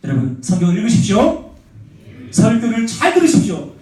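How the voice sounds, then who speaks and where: A man's voice: high-pitched, fairly quick. A male youth pastor preaching to teenagers. He acts out conversations with God and keeps asking his listeners questions. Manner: animated, acts out dialogues with God, asks the audience questions. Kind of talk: sermon to high school students. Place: church sanctuary. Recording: echoey church hall from far off.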